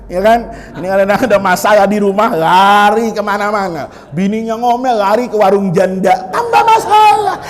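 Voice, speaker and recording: Preacher guy, cracking jokes, storytelling sermon, lively up and down voice, echoey hall. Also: extremely high pitch. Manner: joking, storytelling, addressing listeners as "Pak". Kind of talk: humorous sermon. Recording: reverberant hall.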